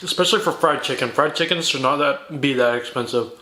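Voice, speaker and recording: Bright-voiced man chatting while eating crunchy chicken. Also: mid-range voice, a little fast. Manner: talking between bites while eating crunchy food. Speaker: food vlogger. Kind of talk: casual mukbang chat to viewers while eating fried chicken. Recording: roomy echo, faint noise.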